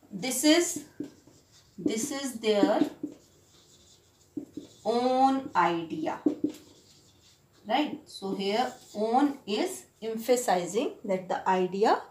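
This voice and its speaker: An Indian woman teacher with a higher voice explains things patiently, mixing Hindi into her English and frequently asking "right?" to check in with students. There's a roomy echo, and she suits school lesson reads.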